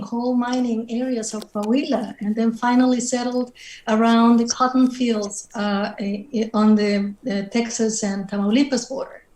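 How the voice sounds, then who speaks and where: A middle-aged woman with a Mexican Spanish accent, a native Spanish speaker, speaks in a fairly high voice. She answers slowly and thoughtfully on a panel, pausing to search for the right words. Her video-call audio sounds roomy and echoey. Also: a little mellow. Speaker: panelist writer. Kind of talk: reflective panel conversation.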